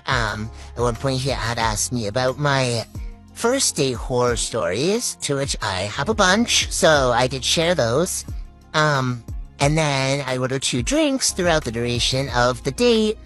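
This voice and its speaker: Woman with a deep pitch-shifted voice. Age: 30s. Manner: halting, with frequent "um" pauses. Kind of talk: casual storytelling to viewers.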